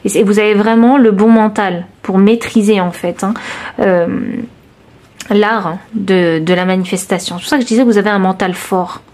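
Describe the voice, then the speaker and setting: A woman reading tarot cards for her viewers, talking straight to them in a searching, reassuring way with many pauses and restarts. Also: medium pitch, steady tone, a little mellow. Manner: intimate, reassuring, addresses viewer directly. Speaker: tarot reader. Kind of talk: intuitive tarot reading to camera.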